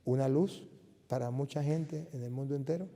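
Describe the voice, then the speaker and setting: Earnest priest with a gravelly voice. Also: male voice, mid-range voice, normal speed, warm tone. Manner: earnest, emphatic, with many restarts. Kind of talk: personal testimony talk. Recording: long reverb of a large hall.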